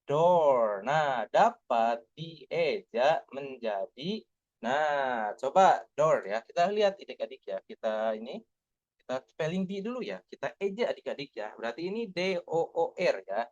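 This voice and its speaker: Young male tutor, patient and coaxing with small kids, lively pitch, dull lo-fi sound. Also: no room sound. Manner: lively, patient, coaxing, spells out letters slowly. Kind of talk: online lesson reviewing test answers for young kids.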